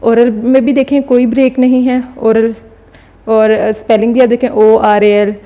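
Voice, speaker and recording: A woman teaching a recorded lesson, her voice slightly high and mellow. She explains patiently and step by step, stopping often to check that the class is following. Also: level tone, unhurried. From Pakistan.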